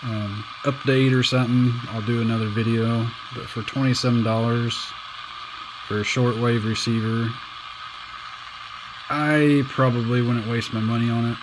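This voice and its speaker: With a flat delivery and medium pitch, a man talks through a hands-on radio review indoors. He's a hobbyist whose casual take is folksy, plainspoken and haltingly phrased, and background noise can be heard.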